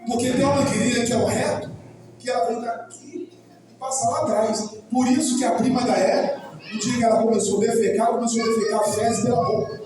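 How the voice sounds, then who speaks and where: A Brazilian man with a high voice preaches a loose, conversational sermon, repeating himself and calling out to the congregation. He sounds far from the microphone, and his voice booms around a large, reverberant church hall. Steady background noise sits under his words. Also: a little fast. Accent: Brazilian Portuguese. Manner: chatty, repetitive, keeps addressing the congregation directly. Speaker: pastor. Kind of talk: informal sermon. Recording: echoey hall, distant mic, noisy.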